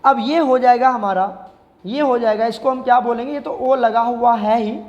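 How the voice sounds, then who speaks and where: A man's voice: extremely high pitch, normal speed, darkish tone, big-room sound. A male chemistry teacher, giving a classroom lecture and repeatedly asking the class questions and answering them himself. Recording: slightly dull lo-fi sound.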